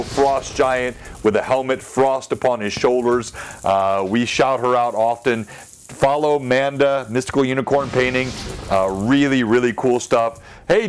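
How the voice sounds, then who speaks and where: A man hosting a live tabletop game stream, upbeat and chatty as he rambles through thanks and shout-outs to viewers. His voice sits at a middle pitch. A faint hiss and some clicks sit under the recording. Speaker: game master and stream host.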